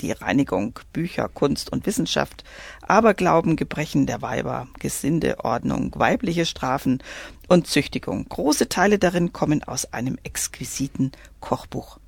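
A woman's voice: rumbling low, animated, normal speed, vocal fry, breathy edge, no echo. A woman radio host in a local radio studio, thanking a guest and reading announcements.

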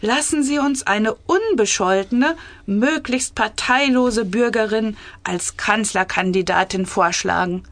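A woman reading aloud as a brisk, scheming female chief of staff who persuades a cabinet. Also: mid-range voice, fairly bright tone, dry recording. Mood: persuasive.

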